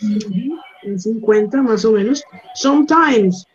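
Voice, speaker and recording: A woman teaching English online in Spanish, explaining slowly and repeating words for pronunciation, with a Colombian accent. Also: on the high side, lively intonation, muffled recording. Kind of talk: online class lesson.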